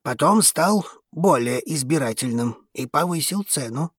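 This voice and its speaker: A woman putting on a husky, gruff old man. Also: low-pitched, lively intonation, a little slow, no echo, clean studio sound, voice pushed down, full character voice. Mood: cynical. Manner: surly, blunt and dismissive. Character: gruff cynical old male space trader.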